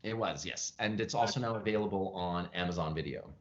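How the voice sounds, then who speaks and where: An actor appears as a guest in a casual interview over a video call from home, the audio sounding dull. He's animated and chatty, telling stories fairly quickly with lively pitch jumps, frequent fillers, and restarts.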